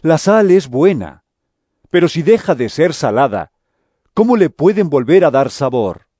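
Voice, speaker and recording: An actor playing Jesus in an audio drama, a solemn, authoritative yet gentle male teacher speaking in measured phrases. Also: fairly high pitch, big pitch swings, no room sound, studio quality. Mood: grave warning.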